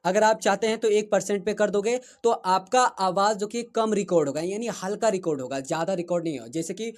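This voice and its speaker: A man with a noticeably high voice explains a wireless microphone app setting by setting. He speaks casually into a clip-on mic indoors, pausing to confirm each step with his viewers. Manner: explains step by step, often checks with "thik hai". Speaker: tech reviewer. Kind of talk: casual tutorial walkthrough. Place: indoors, in front of a running fan. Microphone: wireless lapel mic.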